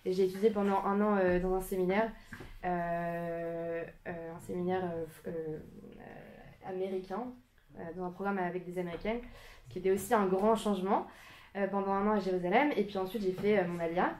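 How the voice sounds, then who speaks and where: A young woman in her twenties the suburbs, giving an informal talk to a small group in a community room, filmed by a camera. She hesitates often, restarts and fills pauses. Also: fairly low pitch, fairly even intonation, a little mellow, a little hiss or hum. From France, Paris suburbs. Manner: hesitant, many fillers and restarts, self-conscious laughter.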